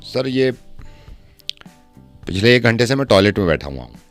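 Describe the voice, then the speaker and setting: A man putting on a low, pleading neighbor. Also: very animated, moderate pace, faint music behind. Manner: pleading, insistent, repetitive. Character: man posing as a desperate neighbor boy. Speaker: radio prank caller. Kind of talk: prank phone call.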